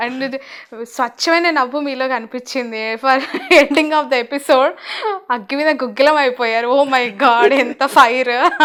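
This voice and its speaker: Woman host, a little high-pitched, lively and admiring. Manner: animated, admiring, responds emotionally. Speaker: interviewer. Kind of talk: interview questions.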